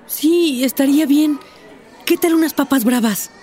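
A woman's voice: high voice, unhurried, warm tone, a faint crowd. A woman with a Mexican accent, talking earnestly and explaining in a scripted dialogue. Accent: Mexican Spanish. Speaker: character Patty in a teaching dialogue.

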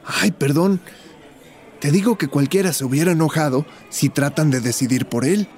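In a scripted teaching dialogue, the character Roberto is voiced by a man with a Mexican Spanish accent who sounds easygoing and conversational. He speaks at normal speed in a slightly high, slightly mellow voice.

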